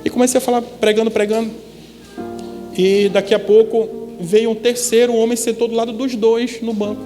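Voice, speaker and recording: A man's voice: extremely high pitch, little pitch movement, a little fast, warm tone, long reverb tail. A man preaching a testimony sermon, telling a story and asking the congregation frequent rhetorical questions. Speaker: pastor. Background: background instrumental music.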